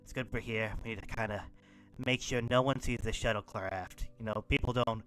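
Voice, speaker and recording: A man's voice: lowish voice, steady tone, a little fast, fairly bright tone, clear, resonant tone, faint music behind, natural voice. A man voicing Tuff, a nervous long-haired teenage cat boy who stammers when flustered. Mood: hushed, cautious.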